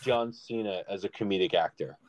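A man's voice: lowish voice, fairly quick, very noisy. A man co-hosting a casual podcast about a movie, rambling with lots of ums and restarts. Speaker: podcast co-host. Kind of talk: casual movie-discussion chat.

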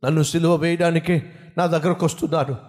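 A man's voice: on the high side, fairly even intonation, brisk, darkish tone, long reverb tail, pitched below the performer's own voice, close to an everyday voice. A man voicing a terrified condemned male prisoner who pleads in panic, inside a sermon.

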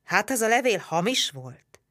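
A quick-tempered barbarian man grumbles and bellows, voiced by a woman reading aloud. The voice stays bright and edgy rather than deep. The audiobook sound is dry and close, with no room around it. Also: big pitch swings, no echo. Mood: suspicious. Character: gruff, hot-tempered barbarian man of the house.

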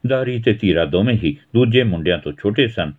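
A man's voice: lowish voice, expressive, brisk. A man reading a village story aloud, narrating and acting out the quarrels between the characters. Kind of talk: storytelling narration with acted dialogue. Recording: tinny phone-like audio.

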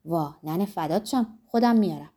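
A woman's voice: lowish voice, animated, warm tone. A woman voicing a doting, sighing elderly female household servant in an audiobook reading. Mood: fussing. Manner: sighing, fussing, tender.

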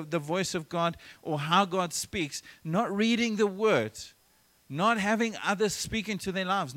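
Pastor, male, high voice, preaching an earnest church sermon with emphatic phrasing and quick restarts. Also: a bit bright. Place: church service.

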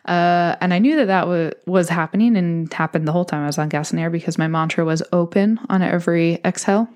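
Candid and chatty, a young woman on a podcast recounts giving birth, often laughing and doing voices for the people she quotes. She talks fast, her voice on the low side with a darkish tone.

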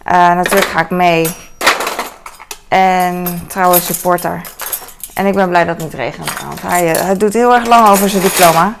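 Home vlogger, woman in her 30s: low, creaky voice, rambling casual chat over loud kitchen clatter. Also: normal speed, background noise. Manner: rambling, many fillers and restarts, mixes in English phrases. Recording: kitchen clatter of dishes and cutlery.

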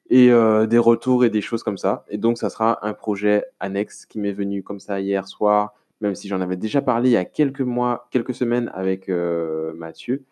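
A man from France with a somewhat low voice hosts his solo podcast. He talks at length in a relaxed, rambling way, stopping often on fillers and restarting his sentences as he addresses the listener informally. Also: clear, resonant tone. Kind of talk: casual solo podcast monologue.

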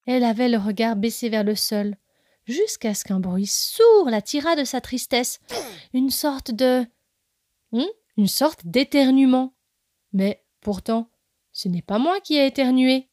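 A woman narrating a children's story as a podcast storyteller, reading gently and expressively. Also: fairly high pitch, unhurried, dry recording, clean studio sound.

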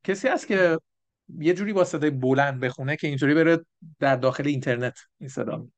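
A man leading a church Bible lesson, explaining step by step and often checking with the group. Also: on the high side. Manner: explanatory, asks the group questions. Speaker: Bible teacher. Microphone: microphone for an online stream.

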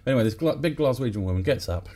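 A man's voice: mid-range voice, lively intonation, very fast, mellow. A man co-hosting a podcast, chatting casually and telling a joke in a rambling, hesitant way. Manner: rambling, hesitant with fillers and restarts. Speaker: podcast co-host.

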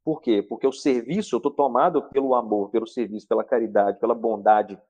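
A man's voice: medium pitch, fairly even intonation, brisk, darkish tone, no echo, lo-fi sound. A man talking as a therapist guest on a podcast, urging listeners in a fervent, preacher-like way. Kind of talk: earnest podcast talk.

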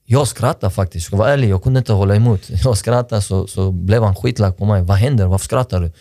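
In a dry, studio-quality recording, a man with a lowish, warm voice talks about where he's come from. The sports director, guesting on a podcast, is earnest and reflective, often restarting his sentences, and Swedish isn't his native language.

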